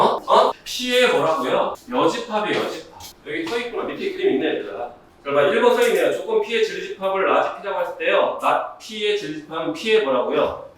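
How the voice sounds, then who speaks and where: A man with a high, bright voice teaches math in a classroom, firing questions at his students and calling out to them again and again. He is recorded from a distance in a very echoey room, with faint noise in the background. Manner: quizzing, repeatedly addressing students. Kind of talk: classroom lecture.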